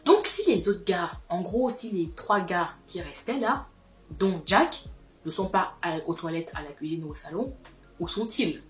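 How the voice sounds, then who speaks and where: Young woman, storytime vlogger, animated and emphatic, slightly low voice, faint music behind. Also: a little slow. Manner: animated, emphatic, repeats herself. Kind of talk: casual storytelling to camera.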